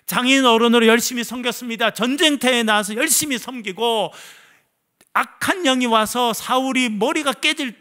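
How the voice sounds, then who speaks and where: A male pastor preaching a sermon with animated storytelling, asking the congregation questions as he goes. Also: sits high. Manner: animated storytelling preacher, voices the quoted figures. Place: church service.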